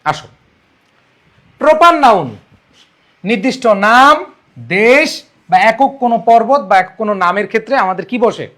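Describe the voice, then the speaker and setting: A man's voice: high-pitched, expressive, measured pace, pauses often, fairly bright tone. A young man teaching an online exam-prep English lesson, coaxing and repeating rules for his students. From Bangladesh.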